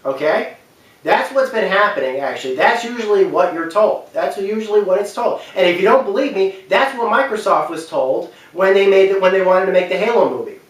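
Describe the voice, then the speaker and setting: In a very echoey room, picked up by a far-off mic, a male video commentator gives his unscripted take on film and games. His high-pitched voice is animated and brisk, and he hammers his points with emphatic repetition.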